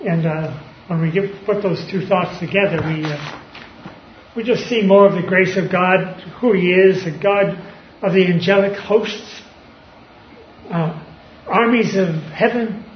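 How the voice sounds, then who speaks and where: Male preacher, high voice, informal Bible talk with fillers and throat clearing; roomy, slightly muffled recording. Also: slight background noise.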